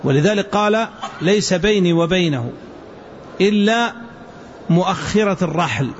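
A man teaching a hadith lesson to students, explaining word forms slowly and repeating them so the class can follow. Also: high-pitched, expressive. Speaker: religious teacher. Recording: dull lo-fi with faint hiss.

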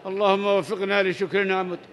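High-voiced man reading religious texts. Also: level tone, fast. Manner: reads narrator chains then explains plainly, adds prayers. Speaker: Islamic teacher reading hadith.

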